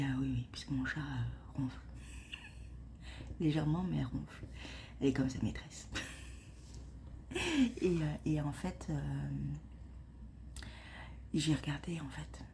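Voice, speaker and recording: A woman whispering and speaking very softly in a hushed early-morning vlog, hesitant, with many fillers and restarts. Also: low-pitched, vocal fry, a little hiss or hum. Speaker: vlogger. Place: at home before dawn.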